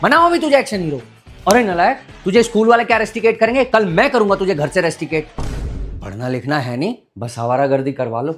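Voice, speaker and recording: A woman's voice: fairly low pitch, expressive, a little fast, soft background music, lightly acted. A woman playing a strict, sarcastic father in a family comedy sketch. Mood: stern. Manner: stern, mocking. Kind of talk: comic family sketch acting.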